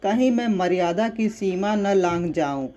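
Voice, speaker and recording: A narrator reading the lines of a gentle, restrained young man, slowly and evenly. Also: medium pitch, expressive, natural voice.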